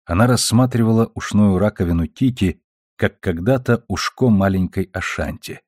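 A man reading an audiobook in a calm, measured tone with a very deep voice. The sound is close and dry, with no room around it. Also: no room sound. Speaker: narrator. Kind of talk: audiobook narration.

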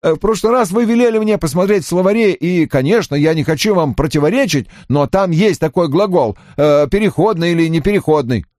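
A high, lilting voice belongs to a fussy young male assistant who reports every detail at length in stiff, formal phrasing, as a man puts him on. The storybook delivery swings up and down. It is recorded close and dry, with no room sound. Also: animated, fairly quick, hardly any pauses, a little mellow, no echo, natural voice. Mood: earnest. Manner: long-winded, over-formal reporting. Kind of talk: audiobook character voice.

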